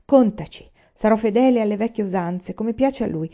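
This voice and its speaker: A man's voice: high-pitched, normal speed, gravelly, warm tone, dull audio. A woman reading the lines of an impulsive young man in a storybook, speaking urgently and emphatically. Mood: earnest.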